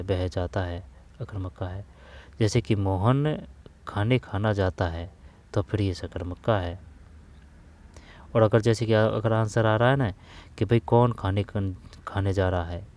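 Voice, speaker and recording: A man's voice: fairly low pitch, a little mellow. A man going through grammar exam questions in a casual spoken lesson, repeating phrases as he thinks aloud. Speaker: exam-prep grammar teacher.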